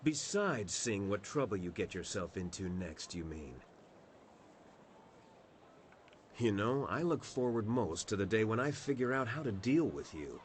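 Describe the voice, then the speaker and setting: An actor playing a worldly male warrior companion in a video game, speaking in an earnest, measured, reflective way. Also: lowish voice, big pitch swings, a little hiss or hum. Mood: teasing. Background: loud game music.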